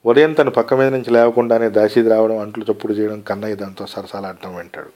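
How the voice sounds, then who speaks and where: Calm man reading a story aloud. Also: fairly low pitch, fast. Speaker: story reader. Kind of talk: read-aloud short story narration.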